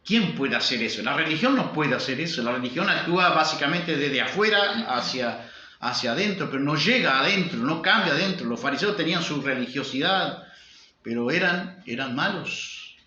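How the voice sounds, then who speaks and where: Uruguayan pastor guy preaching, bright lively voice, echoey dull sound. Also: a little high, normal speed. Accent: Uruguayan Spanish. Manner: emphatic preaching with rhetorical questions and repetition. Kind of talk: sermon.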